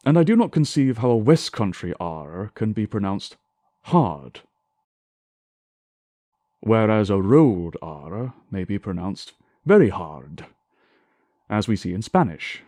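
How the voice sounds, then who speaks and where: A man delivers a scripted scholarly lecture, formal, deliberate, and declamatory, enunciating emphatically with touches of reconstructed Shakespearean English pronunciation. His voice is lowish, very animated, and warm, with no room sound.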